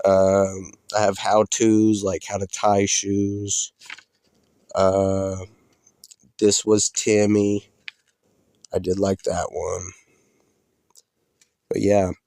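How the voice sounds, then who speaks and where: A man with a very low voice full of vocal fry chats casually to his viewers. He rambles in a laid-back, unscripted way and drops in casual swearing. The sound is close and dry, with very little room to it. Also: dry recording. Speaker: vlogger. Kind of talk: casual rambling solo vlog talk.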